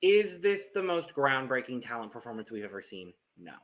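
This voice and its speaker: A man's voice: medium pitch, very animated, normal speed, fairly bright tone. A man co-hosting a podcast, reviewing an episode in casual chat, opinionated and moving the discussion along. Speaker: podcast co-host.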